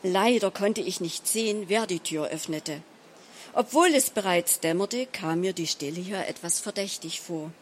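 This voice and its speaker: A woman reading a humorous short story aloud in a measured, dry storytelling manner. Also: fairly low pitch, slight background noise. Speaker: story reader.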